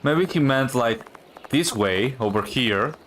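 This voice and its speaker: A man gives offhand live commentary on a game in a medium-pitched voice. He mutters to himself, with faint noise behind. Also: animated, slow pace, a bit bright. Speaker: game streamer. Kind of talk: casual game stream commentary.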